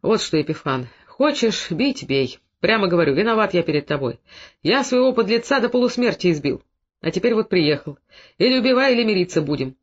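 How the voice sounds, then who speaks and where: A man's voice: high-pitched, very animated, brisk. A man reading the part of a blunt, forthright Cossack father speaking earnestly. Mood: pleading. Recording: dull lo-fi recording.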